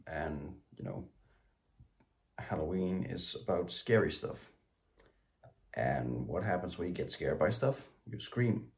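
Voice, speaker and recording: A man's voice: low voice, animated, takes it slowly, gravelly, long pauses, darkish tone. A young man talking casually to camera as the host of his video, in a bedroom. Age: young adult. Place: small bedroom indoors.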